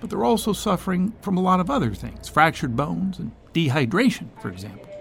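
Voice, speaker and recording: A man's voice: high voice, animated, a little fast, creaky, fairly bright tone, slight background noise. A man narrating a scripted television news feature as a correspondent.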